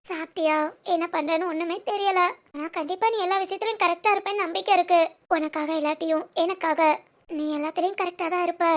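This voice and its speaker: ஒரு பெண் நடிக்கும் கணவனிடம் கோபித்துக்கொண்ட இளம் மனைவி, மிக உயர்ந்த குரல், கூர்மையாகத் திட்டும் பேச்சு. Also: female voice, very high-pitched. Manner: sharp scolding, then soft musing alone. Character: young wife sulking at her husband. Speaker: actress in a village family skit. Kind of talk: comic family drama acting.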